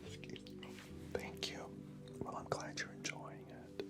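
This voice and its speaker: A man's voice: a little slow, loud music behind the voice. Whispering man chatting on an ASMR livestream. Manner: chatty, answers viewer comments aloud between snacks.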